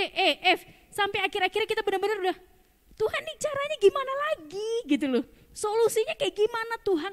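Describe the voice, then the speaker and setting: A woman pastor giving a conversational sermon, often asking the congregation questions. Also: extremely high pitch. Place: church hall. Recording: long church hall reverb.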